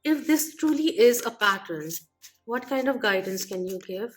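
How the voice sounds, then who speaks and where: A woman giving a channeled tarot reading, gently and reflectively listing what each card means. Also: on the high side, lively intonation, moderate pace, soft background music. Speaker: tarot reader.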